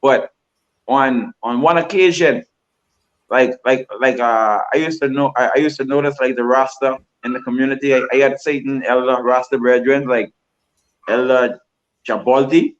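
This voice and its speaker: A man's voice: mid-range voice, fairly even intonation, moderate pace, dull audio. A Bahamian man giving a livestream interview, rambling and repeating himself with lots of "you know". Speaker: guest.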